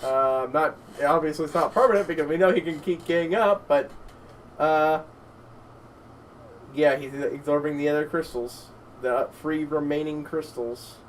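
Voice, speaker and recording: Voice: mid-range voice, moderate pace, distant mic, slight background noise. A streamer giving casual let's play commentary, swearing and reacting aloud to the game. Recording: voice set back from mic, game music behind.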